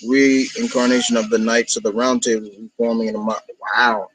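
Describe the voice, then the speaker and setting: A man from New York hosts a fan discussion, chatting casually in a rambling, enthusiastic way. His voice is medium-pitched, a bit bright and delivered flat at normal speed. The recording is rough, with faint music behind him.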